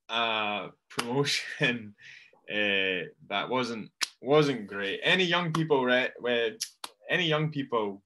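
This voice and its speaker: A young man with a Fife accent from Scotland talks casually in an interview. His voice sits a little low and has a bright, forward edge. He comes across as good-humoured and modest about himself. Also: a little hiss or hum. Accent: Fife Scottish. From Dunfermline, Fife, Scotland. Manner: informal, self-deprecating, good-humoured. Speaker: professional wrestler, interview guest.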